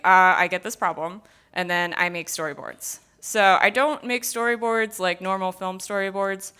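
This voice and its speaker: Into a stage mic, a young woman gives a casual conference talk about VR design, her sentences packed with the filler "like". Her medium-pitched voice is bright, forceful and smooth.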